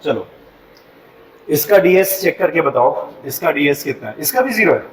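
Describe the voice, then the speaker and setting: This classroom lecture features an Indian-accented man teaching civil engineering in a mix of Hindi and English, pausing often to check that students follow. His voice is a little high and sing-song at normal speed, recorded from a distance in a reverberant room, so the recording is rough.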